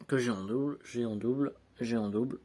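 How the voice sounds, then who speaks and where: Filmed on a handheld phone at home without a tripod, a man opens sticker packs for his viewers in a casual unboxing chat. He rambles and sorts every card out loud, joking about himself, in a warm, mid-range voice that runs a little fast.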